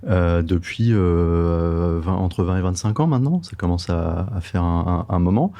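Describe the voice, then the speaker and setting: A middle-aged man with a French accent from France, a guest talking in a halting, thoughtful way with many hesitations and restarts. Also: sits low, dark tone. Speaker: guest, microbiologist and breathing-method instructor. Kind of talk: conversational interview.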